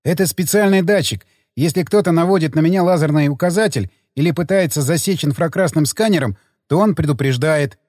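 A man's voice: a little high, a little fast, hardly any pauses, darkish tone, dry recording, studio quality, big-room sound, voice pushed up, natural voice. A man voicing a shy, earnest young male sniper who stumbles over his words. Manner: hesitant, stumbling.

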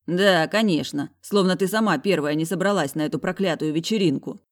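A woman voicing an angry, possessive young man who speaks slowly through gritted teeth. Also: lowish voice, natural voice. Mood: stern. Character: stern possessive young man, barely holding anger.

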